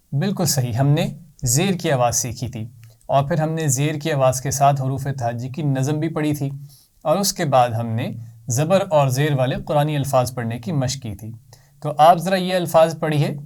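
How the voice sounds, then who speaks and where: A man teaching a children's Quran reading lesson, patient and clear, saying each sound slowly for the class to repeat. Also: on the high side, darkish tone.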